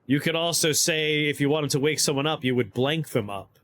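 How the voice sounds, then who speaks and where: A man streaming a video game, chatting casually and excitably with his audience, laughing often and reading the game's text aloud. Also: a little high, brisk.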